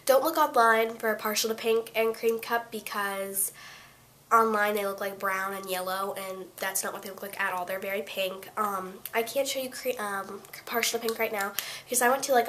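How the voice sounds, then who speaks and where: A teenage girl with a blocked-up, congested voice from a cold talks through a beginner makeup routine at a middle pitch. She rambles, restarts her sentences and leans on fillers. A faint hiss of noise sits under her voice on the webcam mic. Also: fairly even intonation, moderate pace, fairly bright tone. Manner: rambling, chatty, full of fillers and self-corrections. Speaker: beauty vlogger. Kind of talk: casual makeup tutorial.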